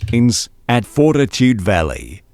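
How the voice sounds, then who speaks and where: A man's gravelly, slightly mellow mid-range voice takes its time in a sing-song manner as he reads formal, evenly paced train station announcements. The clips are played back from recordings and broken into pieces.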